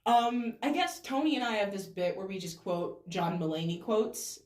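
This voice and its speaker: A woman's voice: mid-range voice, lively intonation, normal speed, darkish tone, slight background noise. A young woman co-hosting a podcast, chatting casually with lots of fillers and giggles. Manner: giggly, rambling with many fillers. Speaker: podcast co-host. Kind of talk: casual chat. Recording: echoey room.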